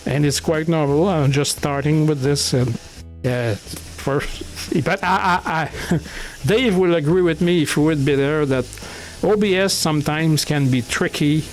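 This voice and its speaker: Slow, halting man greeting his stream chat. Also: on the high side, soft background music. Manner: halting, with many restarts and chuckles; greets viewers and reads chat aloud. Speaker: livestream host. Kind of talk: casual livestream chat.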